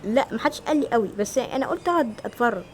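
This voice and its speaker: A man's voice: very high-pitched, lively intonation, fast talker, slight background noise, voice pushed up. A man with an Egyptian Arabic accent voicing a whiny, guilty grown son who pleads and protests when scolded. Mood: pleading.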